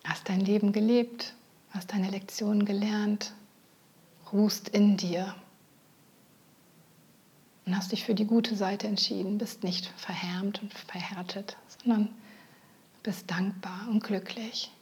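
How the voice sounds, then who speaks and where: A woman guides a meditation in a hushed, half-whispered voice. She speaks slowly and keeps her pitch level and even, with almost no rise or fall. Her tone stays gentle throughout.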